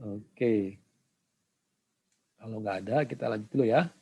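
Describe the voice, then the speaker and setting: A male lecturer explaining and telling a story in an online class, halting with frequent fillers and getting animated as he recounts it. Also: fairly low pitch, vocal fry, slightly rough, rough recording. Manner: halting, many "eh" fillers and tag "ya".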